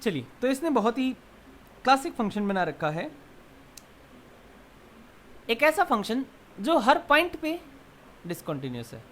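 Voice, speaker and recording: A male math lecturer teaching a class, moving between Hindi and English. His pitch swings widely as he asks quick questions and answers them himself. A faint hiss sits under the voice. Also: sing-song, fairly bright tone. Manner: keeps quizzing students with quick check questions; explains step by step, then answers his own questions.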